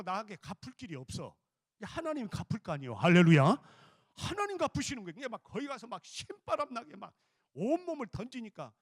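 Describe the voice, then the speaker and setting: A man preaching a revival sermon in a church, leading the congregation in call-and-response and shouting hallelujah. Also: high voice, dry recording, clean studio sound. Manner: loud hallelujah exclamations. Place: church sanctuary.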